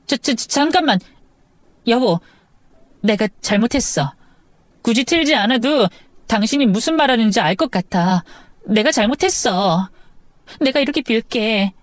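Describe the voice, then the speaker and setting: A woman's voice: sits high, lively intonation, moderate pace, no room sound. A woman voicing a young wife who stammers, protests and pleads with her husband in an audio drama story. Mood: pleading. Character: young wife, defensive then pleading, flustered.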